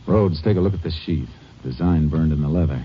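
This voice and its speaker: An American man acting a calm, methodical Texas Ranger investigator in a clipped, matter-of-fact 1950s radio drama style. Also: a bass voice, fairly quick, a little hiss or hum. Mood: businesslike. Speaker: lead actor and narrator. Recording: dull vintage radio recording with music.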